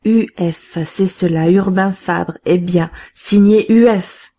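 A man's voice: high voice, steady tone, takes it slowly, dark tone, full character voice. A woman voicing a scheming, grasping middle-aged crook who gives curt, commanding orders in an audiobook. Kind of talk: audiobook character voice.

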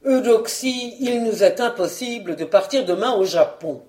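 A woman's voice: lively intonation, moderate pace, warm tone, roomy sound, lightly acted. A woman doing a timid, evasive old-fashioned baron. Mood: placating. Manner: hesitant, placating, lower voice. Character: timid, evasive middle-aged baron collector.

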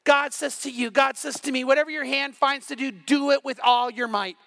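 A man preaching a sermon, energetic and emphatic, repeating phrases for punch. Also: extremely high pitch, fairly quick, creaky, dry recording. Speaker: pastor.

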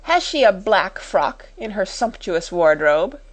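A woman's voice: mid-range voice, very animated, unhurried. A cold and furious schoolmistress of middle age from a storybook, acted out by a woman reader. She speaks fiercely and commands without patience. Her words come edged with bitter irony.

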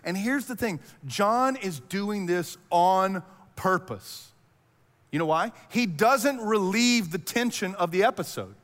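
A man's voice: sits high, lively intonation, slow pace, fairly bright tone. A man preaching a sermon as pastor, casual and conversational, with lots of fillers. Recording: hall reverb.

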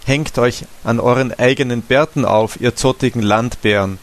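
A man voicing a drunk, ranting village barber who shouts and wails in falsetto in a storybook reading. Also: moderate pace, close to an everyday voice.

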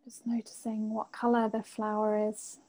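A woman guides a meditation as if narrating a sleep story. Her voice is dark and relaxed, with very little rise or fall. She speaks gently and leaves long, unhurried pauses between phrases. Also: medium pitch.

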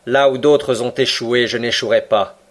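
A cool, commanding sea captain, read by a man, who speaks slowly and with quiet irony. His lines are measured and deliberate, as in a storybook reading. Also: mid-range voice, steady tone, natural voice. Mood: cool, ironic. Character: calm ironic male submarine captain, commanding. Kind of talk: audiobook character reading.

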